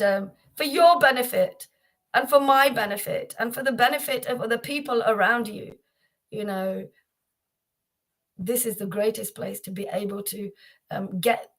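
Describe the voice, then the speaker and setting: On this devotional livestream, the host speaks in a somewhat high, slightly bright voice. Her talk is loose and repetitive, with lots of restarts and filler words, and she calls viewers by their names.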